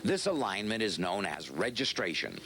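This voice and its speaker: A man reads scripted narration for a vintage industrial training film in a measured, instructional, explanatory way. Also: lowish voice, big pitch swings, background noise.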